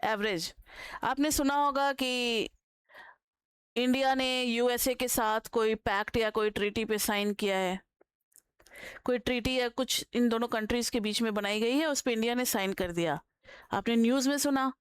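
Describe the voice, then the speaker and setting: Indian woman tutor, slightly high, crisp and dry close-mic sound, dictating slowly. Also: dry recording. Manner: explains slowly, dictates notes word by word, asks students questions. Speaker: economics tutor. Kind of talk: online lecture.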